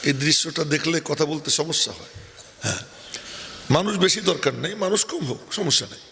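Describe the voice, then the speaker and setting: A man's voice: fairly high pitch, expressive, normal speed, gravelly, sharp tone. An older man, preaching an open-air sermon to a crowd, chatty and teasing with asides. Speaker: preacher at a religious gathering. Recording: long hall echo, faint ambient noise.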